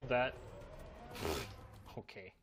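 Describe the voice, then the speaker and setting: A man's voice: drawn-out words, muffled recording, background noise. A man live-streaming a game, chatting casually with dry, joking banter and free swearing into a desk microphone. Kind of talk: casual live-stream chat while gaming.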